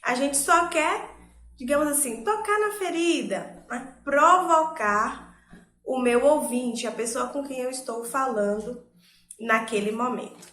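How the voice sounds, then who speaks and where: A woman's voice: high voice, unhurried, echoey room. A woman teacher with a Brazilian Portuguese accent gives a primary school lesson, talking expressively and asking rhetorical questions. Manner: expressive, emphatic, asks rhetorical questions, often adds "né?". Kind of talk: recorded classroom lesson.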